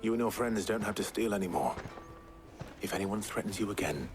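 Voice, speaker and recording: A man's voice: fairly low pitch, a little fast, lightly acted. A man playing a stoic, courteous mercenary hero in a video game, speaking in an earnest, restrained way. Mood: calm, firm. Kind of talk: video game drama acting. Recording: game music behind.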